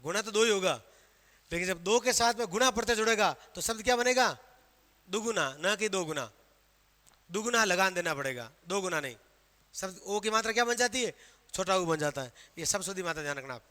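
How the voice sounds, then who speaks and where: A man's voice: high-pitched, expressive, fast, pushed and bright. A man with a Rajasthani Hindi accent teaching a grammar class, quizzing students with questions he answers himself. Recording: long reverb of a hall.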